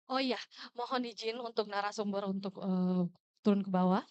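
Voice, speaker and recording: Polite woman emcee, very clear voice. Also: medium pitch, lo-fi sound. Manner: polite, formal, measured. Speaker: event emcee. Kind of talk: formal event announcements. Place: hotel ballroom event.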